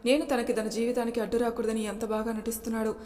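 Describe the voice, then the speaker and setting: A woman voicing a hurt young wife who speaks softly and wearily, with a long reverb on the recording. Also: on the high side, little pitch movement, quick pace, lightly acted. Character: sad, wounded young wife, quiet and withdrawn.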